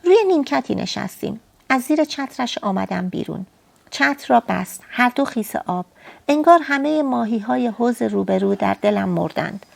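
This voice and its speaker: A woman reads a first-person novel aloud in an intimate, poetic tone. Her voice sits a little high and is strongly gravelly, full of fry. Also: lively intonation. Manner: soft, intimate, poetic storytelling. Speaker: audiobook narrator.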